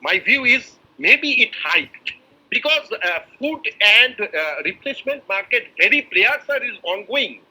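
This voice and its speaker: Bright-voiced man giving a formal address. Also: sits high, sing-song, a little slow, breathy edge, rough recording. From India. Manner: formal and effusive, with hesitant fillers and restarts. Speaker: shareholder speaking at a company meeting. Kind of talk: formal prepared address over video call. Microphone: video call.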